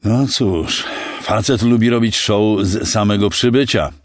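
A man's voice: fairly low pitch, unhurried, no room sound, clean studio sound, pitched above the performer's own voice. A male audiobook narrator voicing a sardonic woman pilot who makes wry remarks. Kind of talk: audiobook character voice.

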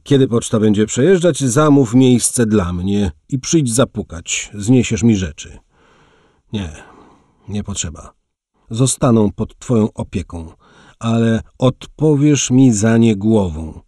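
Man playing a swaggering young dandy in a storybook, lively husky voice. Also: fairly low pitch, slow pace, dry recording, studio quality. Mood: haughty. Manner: bold, grandiose. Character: cocky young man, elegant and boastful adventurer.

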